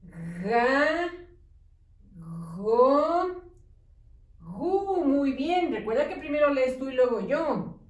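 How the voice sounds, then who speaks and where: A patient woman teacher dictates words slowly to young children, sounding them out syllable by syllable. Her fairly high voice rises and falls a lot. She is recorded from a distance in an echoey room. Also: sing-song. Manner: patient, slow, syllable-by-syllable dictation with check-in questions. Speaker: primary school teacher. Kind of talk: slow handwriting lesson for young children.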